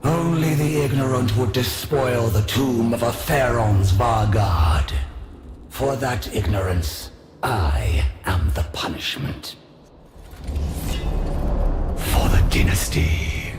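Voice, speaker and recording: An actor voicing an ancient female robot warrior guardian in a game, speaking slowly and gravely through a metallic robot voice filter, with echo and music behind. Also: medium pitch. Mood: menacing. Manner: slow, grave, commanding. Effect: robot voice filter, metallic and echoing.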